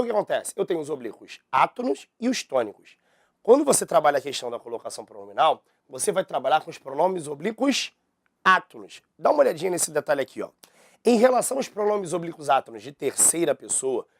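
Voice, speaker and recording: A man's voice: fairly high pitch, no room sound, clean studio sound. A man teaching a grammar lesson. He keeps asking the class questions and then answers them himself.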